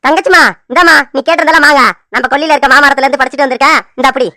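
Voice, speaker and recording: A woman's voice: high-pitched, steady tone, racing, pushed and bright, no room sound, studio quality. A woman voicing a stern, protective eldest brother who scolds his sisters in a cartoon serial. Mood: kind. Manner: scolding, bossy, repeats himself. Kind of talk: Tamil cartoon serial voice acting.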